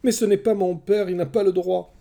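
A man voicing a young boy who protests loudly against unfair treatment. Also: steady tone, normal speed, creaky. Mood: indignant. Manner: high, loud childish protest. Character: young boy, hurt and indignant.

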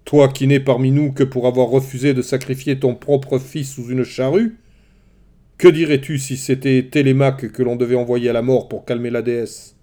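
Man voicing a hot-tempered warrior king, commanding, dark mellow tone, storybook reading. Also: medium pitch, flat delivery, moderate pace, natural voice. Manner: loud, commanding outbursts. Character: proud, quick-tempered male warrior king.

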